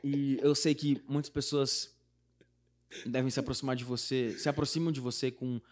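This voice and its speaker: A man's voice: mid-range voice, moderate pace. Brazilian man telling a story animatedly. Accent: Brazilian Portuguese. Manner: animated, acts out quoted dialogue; frequent fillers like "tipo" and "não sei o quê". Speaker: singer-songwriter guest. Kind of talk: casual storytelling interview.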